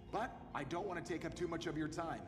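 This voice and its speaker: An actor playing a cheery, salesy male corporate CEO, giving an upbeat promotional pitch with breezy asides. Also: roomy sound, in a large hall, close to an everyday voice. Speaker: company CEO in a game video.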